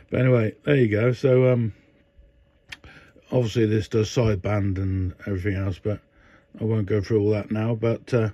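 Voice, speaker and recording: An older radio hobbyist casually shows off a modification at his indoor workbench, rambling with lots of fillers and restarts. His voice is lowish and dark, with a steady tone at a normal speed. The phone recording is dull, dry and lo-fi.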